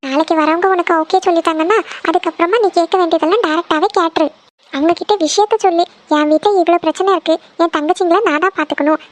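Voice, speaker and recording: A woman voicing a practical, outspoken young woman friend in a cartoon, giving blunt advice. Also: very high voice. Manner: scolding, advising. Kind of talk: cartoon voice acting.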